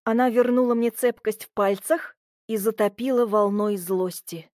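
A woman giving an expressive first-person audiobook narration. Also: mid-range voice, moderate pace, no echo, clean studio sound.

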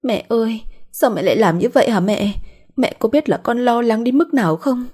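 Woman doing a whiny spiteful daughter, pitched way up, breathy. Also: animated, fairly quick, dark tone. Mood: tearful. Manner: wailing, accusing.

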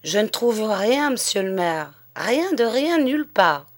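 A woman's voice: fairly high pitch, sing-song, measured pace, voice pushed up, heavily acted. A woman reading aloud voices a timid male servant reporting back in a plaintive, raised murmur. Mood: dejected. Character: timid male village servant, dejected and fearful.

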